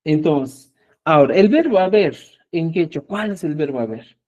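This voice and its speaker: A man's voice: a little high, expressive, normal speed, darkish tone, muffled recording. A man teaching an online language class, patiently explaining and often checking in with the students.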